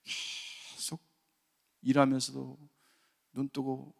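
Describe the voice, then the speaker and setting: Gravelly man preaching in a reverberant church. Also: mid-range voice, monotone, slow pace. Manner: storytelling, self-deprecating, asks rhetorical questions. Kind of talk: dawn service sermon with personal testimony. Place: church sanctuary. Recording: long reverb of a church hall.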